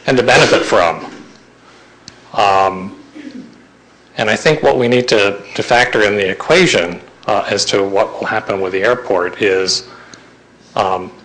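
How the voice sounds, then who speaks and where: A man's voice: lowish voice, a bit bright, low-quality recording. A man speaking as a resident at a public meeting, hesitant and full of ums as he makes his point. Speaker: resident making a public comment.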